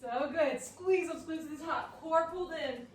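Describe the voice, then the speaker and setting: A high-pitched woman coaches a workout while exercising alongside. She sounds winded and encouraging. The recording is roomy, and she sits back from the mic. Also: moderate pace, distant mic, slight background noise. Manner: encouraging, breathless between exercises. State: out of breath. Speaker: fitness coach. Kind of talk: workout instruction.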